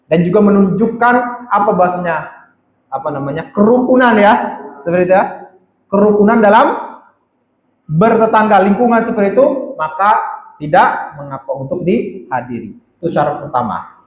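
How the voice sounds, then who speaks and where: A man's voice: sits high, animated, normal speed, long pauses, muffled recording. A male religious teacher giving a conversational mosque lecture, often checking with his listeners. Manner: conversational, keeps checking with the audience. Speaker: ustadz teaching a weekly study circle. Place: mosque hall. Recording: echoey mosque hall.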